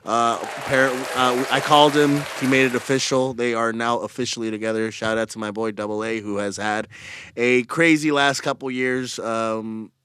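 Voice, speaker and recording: A man hosting a podcast in casual banter, excitable and swearing freely. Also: medium pitch, moderate pace, clear, resonant tone. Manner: excitable, swearing, shouts when hyped. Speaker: podcast host.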